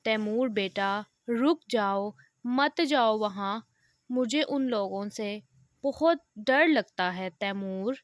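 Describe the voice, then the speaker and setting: A woman's voice: mid-range voice, slow pace, no room sound, clean studio sound, close to an everyday voice. A woman reading the lines of a worried mother in an audio novel, speaking in an anxious, pleading way.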